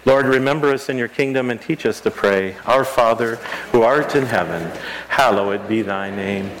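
A man speaking as a pastor, leading liturgical prayer in a solemn, measured, phrase-by-phrase way. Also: medium pitch, a little hiss or hum, low-quality recording. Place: live church service before a congregation.

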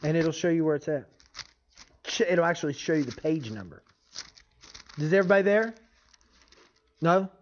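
A man's voice: fairly high pitch, normal speed, pauses often, a little hiss or hum. A man giving an informal, folksy teaching sermon as a preacher, often checking in with his listeners. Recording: dull, lo-fi sound.

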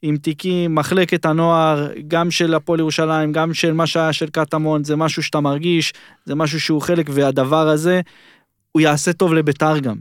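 A man's voice: fairly high pitch, little pitch movement, clean tone, dry recording, clean studio sound. A man speaking earnestly and emphatically as a guest in a casual sports chat. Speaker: podcast guest.

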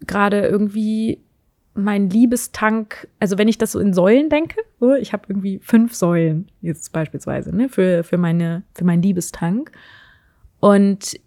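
A young woman with a mellow, medium-pitched voice and some vocal fry talks casually about her views on relationships. She thinks aloud thoughtfully and hesitantly, full of fillers and restarts, in a reflective monologue. The recording is dry, with clean studio sound.

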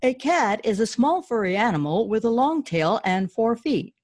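A woman's voice: sing-song, moderate pace, darkish tone. A woman voicing a frightened young prince. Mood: pleading. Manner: pleading, raised pitch. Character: young prince, scared but pleading.

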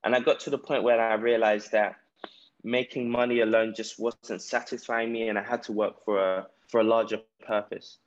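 A man's voice: lowish voice, level tone, normal speed, lo-fi sound. A man with a South London accent telling his own story conversationally as an interview guest. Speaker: podcast guest, entrepreneur. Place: remote call from Ghana.

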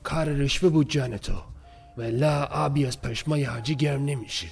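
A tense, worn-out migrant man in a storybook, his voice higher than the narrator's and full of gravelly creak, as a man puts him on. He sounds breathy and rough, muttering low and tired under his breath. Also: animated, a little mellow, soft background music, full character voice. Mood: excited. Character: tense adult male migrant smuggled in a van.

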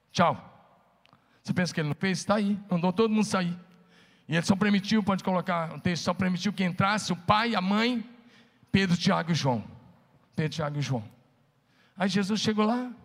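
A man's voice: high-pitched, in a large hall. A man preaching a sermon, calling on the congregation to answer back. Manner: preaching with call-and-response to the congregation. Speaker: pastor.

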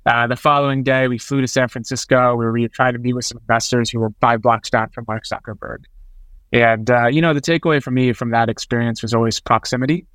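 A man with an informal tech-founder manner, telling stories in an interview as a startup co-founder. His pitch stays very even and mid-range, and the sound is close and dry. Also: a little fast, dry recording, poor audio. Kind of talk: conversational storytelling in an interview.

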